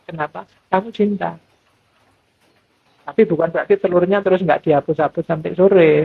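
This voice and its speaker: A middle-aged man giving a relaxed, conversational mosque lecture as a philosophy teacher. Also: sits high, moderate pace, creaky, slightly rough. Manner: relaxed conversational preaching, acts out quoted voices. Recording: thin phone-like lo-fi sound.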